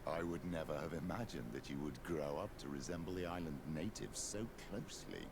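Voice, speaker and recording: An actor playing an old male bishop in a video game, smooth and flattering with a faintly condescending manner. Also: rumbling low, brisk, background noise. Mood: ingratiating.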